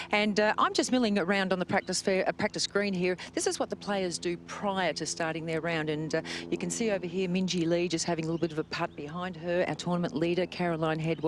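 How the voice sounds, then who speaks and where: A middle-aged woman giving a chatty live golf report outdoors into a handheld microphone. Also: lowish voice. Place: outdoors on a practice green. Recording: faint outdoor background noise.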